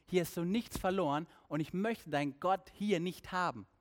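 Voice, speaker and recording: A man voicing a threatening male rebel leader who speaks in a lowered, demanding voice. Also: normal speed, close to an everyday voice.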